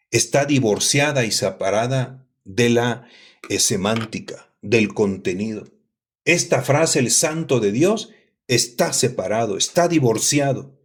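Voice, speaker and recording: A man delivers a sermon with a husky, slightly breathy voice. He teaches emphatically, comes back to the same phrases again and again, and turns to his listeners with questions. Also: mid-range voice. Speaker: preacher.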